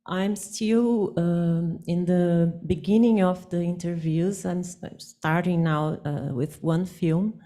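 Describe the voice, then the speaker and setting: Female panelist, lowish dark voice, extremely slow halting delivery. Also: steady tone. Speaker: researcher on a panel. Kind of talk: informal spoken answer.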